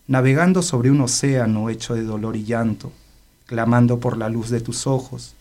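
Brief: male radio guest, hesitant talker who reads poetry, mid-pitched voice. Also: dark tone. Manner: hesitant, fills with "o sea" and "eh". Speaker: guest poet and cultural organizer. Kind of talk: casual interview chat and poetry reading.

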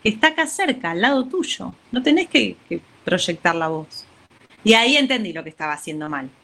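A woman guest with an Argentine Spanish accent tells a story in a casual interview, animatedly acting out what people said. Her voice is mid-range and a little fast.

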